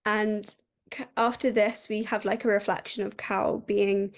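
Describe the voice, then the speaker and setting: A woman co-hosting a podcast casually recaps a book, her chatty talk packed with "like." She has a mid-range voice, a flat delivery, and a measured pace.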